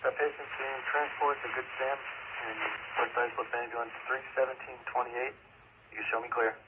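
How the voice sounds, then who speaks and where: A man's voice: mid-range voice, flat delivery, moderate pace. A man giving terse, clipped radio traffic as a field unit, heard over a police radio transmission. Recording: tinny radio with static.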